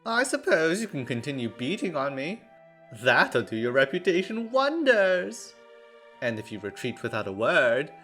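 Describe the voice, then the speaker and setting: With a fairly high, pushed, bright voice, an actor brings a smug young male noble villain to life in a visual novel scene. The character schemes and taunts theatrically, his delivery goading, mock-sweet, and haughty.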